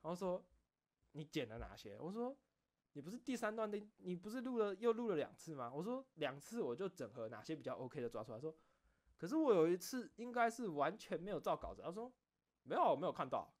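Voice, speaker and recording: A man's fairly high voice swings widely in pitch as he talks a little fast. He's an online streamer and game content creator telling personal stories in a casual late-night chat, rambling and often repeating phrases for emphasis.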